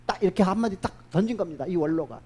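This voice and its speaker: A male pastor preaching a sermon, telling stories in a lively way and acting out the voices of the people in them. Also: high-pitched, fast talker, husky.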